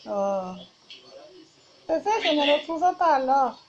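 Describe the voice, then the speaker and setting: A woman's voice: high voice, sing-song, slow, muffled recording, a crowd in the background. A woman hosting a live stream, talking casually and bluntly, repeating herself as she insults her critics.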